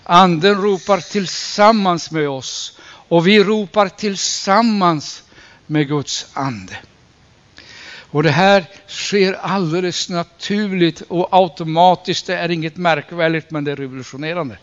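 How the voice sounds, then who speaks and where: Earnest preacher man, slightly high voice. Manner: earnest, slows and stresses key phrases, rises when quoting scripture. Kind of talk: sermon. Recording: dull lo-fi recording.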